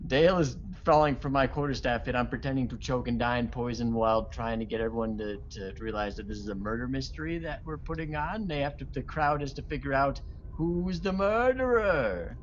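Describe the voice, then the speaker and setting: A man's voice: mid-range voice, a little fast, slight background noise. A man playing in a tabletop role-playing game over voice chat, theatrical as he rallies the group in character. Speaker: player. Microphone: home computer mic on a voice call. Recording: lo-fi online voice chat.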